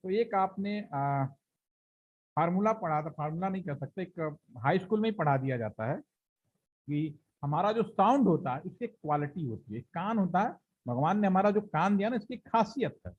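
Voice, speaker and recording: A man with a fairly high voice and on his lectures a training class, explaining each point step by step. He poses questions to the room and answers them himself. The recording sounds dull and lo-fi. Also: expressive, normal speed.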